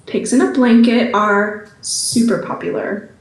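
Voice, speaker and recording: A friendly woman performing in a community stage show. She talks slowly in a fairly high voice. The theater around her is roomy and echoing. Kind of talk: community stage opera acting.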